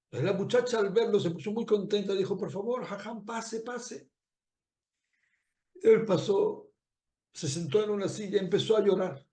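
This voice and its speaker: A rabbi with a high voice tells a moral story in a sermon, animated and full of repeated phrases and rhetorical questions to his listeners. The room is echoey.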